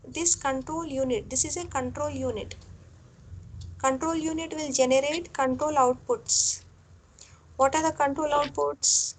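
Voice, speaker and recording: A woman lecturer, explaining a technical topic step by step, often repeating phrases and pausing on fillers. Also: high-pitched, background noise. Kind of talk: classroom lecture.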